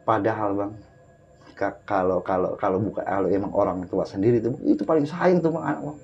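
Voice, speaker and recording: A guest with a fairly low, slightly mellow voice speaks briskly, casually sharing a vivid, dramatic personal story and repeatedly calling the host "Bang." Faint music, slight background noise and a dull lo-fi quality mark the recording.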